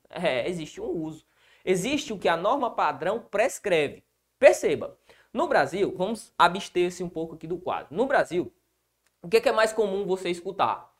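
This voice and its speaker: A Brazilian man teaching grammar in an exam-prep video lesson. He asks his own rhetorical questions and answers them himself. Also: high voice. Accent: Brazilian Portuguese.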